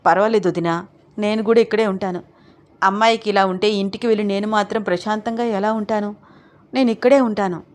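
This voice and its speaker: A woman's voice: mid-range voice, fairly even intonation, brisk, close to an everyday voice. A woman voicing an upset, indignant young wife in a read-aloud audio story. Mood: pleading. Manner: exasperated, complaining.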